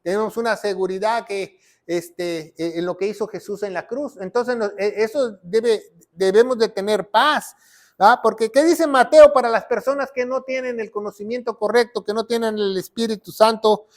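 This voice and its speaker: A man's voice: high-pitched, fairly even intonation, moderate pace. A man preaching as a pastor and Bible teacher, asking rhetorical questions and reading verses aloud. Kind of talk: sermon teaching.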